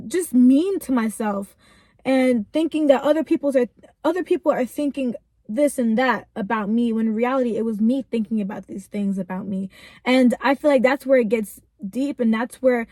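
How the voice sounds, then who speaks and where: A young woman speaks earnestly from inside her car, close to tears as she shares something personal. Her voice sits a little high and the sound is close and dry, with no room around it. She talks in a loose, chatty way, full of fillers and pauses. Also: a little mellow, no echo. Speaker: vlogger. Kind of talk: emotional personal car vlog.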